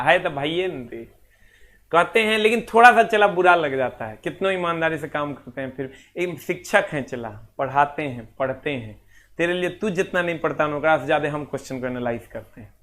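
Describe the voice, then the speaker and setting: A man teaching an online exam-prep class in a high, bright voice. He talks straight to his students, scolding them one moment and coaxing them the next. He counts numbers out in a sing-song drill.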